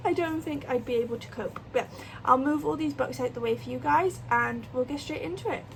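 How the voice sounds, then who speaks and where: A woman's voice: sits high, a little fast. A British woman chatting casually as the host of a colouring vlog. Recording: clear fan noise behind voice. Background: electric fan.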